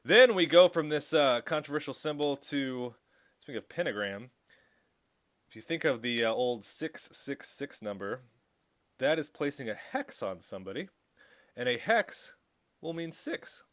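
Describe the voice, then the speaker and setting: A man's voice: medium pitch, lively intonation, a little slow, a bit bright. Enthusiastic guy teacher doing a math tutorial video, chatty, cracks dorky jokes. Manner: upbeat, punny, chatty. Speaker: high school math teacher.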